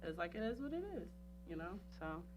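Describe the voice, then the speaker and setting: A woman with a fairly low voice talks a little fast and animatedly over background music. She's a talk show guest in a casual, candid chat about her personal life, emphatic and rambling, repeatedly saying "you know what I'm saying."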